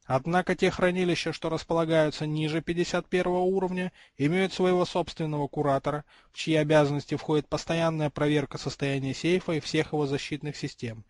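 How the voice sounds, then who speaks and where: A man's voice: on the high side, fairly even intonation, a little fast, few pauses, no room sound, studio quality, close to an everyday voice. A man voicing a formal, sardonic male goblin bank clerk in an audiobook, speaking in a polite, businesslike way. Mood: courteous.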